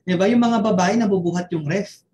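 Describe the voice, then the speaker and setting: This network marketing mentor, a man with a Filipino accent, shares a story during a motivational online training and keeps firing tag questions at his audience. He speaks briskly in a high-pitched, mellow voice, recorded in a roomy space with slight background noise.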